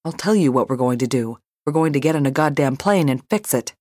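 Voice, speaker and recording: A woman's voice: very deep voice, lively intonation, brisk, mellow, dry recording, studio quality. A woman reading an audiobook voices an angry male business partner who curses and gives orders. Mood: determined. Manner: blunt, cursing, commanding.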